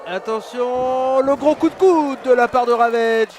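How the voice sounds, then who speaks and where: A man works as a wrestling commentator, calling the action live in a very high-pitched voice. He is excitable and exclaims often, yet his pace stays fairly unhurried. A crowd can be heard behind him. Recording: noisy live event with crowd. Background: crowd at a wrestling show.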